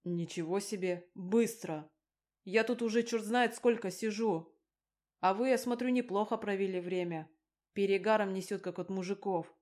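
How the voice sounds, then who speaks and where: A woman reading the part of a rough, angry young man who barks out blunt, scornful replies in an audiobook. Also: on the low side, steady tone, moderate pace, darkish tone, close to an everyday voice.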